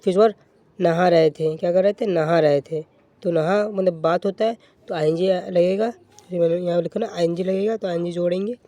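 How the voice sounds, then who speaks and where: A male teacher giving a grammar lesson, asking questions and answering them himself, repeating each rule and slowing down to dictate example sentences. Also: high voice, fairly even intonation, warm tone, no room sound. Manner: asks and answers own questions, repeats rules.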